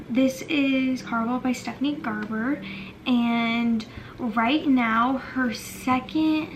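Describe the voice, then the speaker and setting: A young woman talks through her latest reads in a casual, gushing way, full of filler words. Her voice sits a little high. A faint hiss runs under the recording. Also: muffled recording. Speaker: book vlogger. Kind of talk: casual chat.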